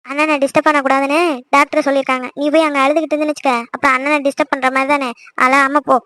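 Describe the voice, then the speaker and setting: A woman voicing a bossy younger sister who firmly scolds her crying mother, in an amateur animated serial. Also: high voice, very fast. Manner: scolding, firm.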